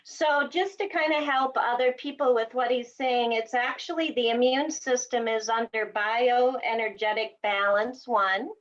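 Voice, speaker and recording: A woman host who speaks slowly and patiently, explaining each step with reassurance. Her voice sits a little high. The recording sounds dull and lo-fi. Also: steady tone, fairly bright tone. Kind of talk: casual explanatory chat.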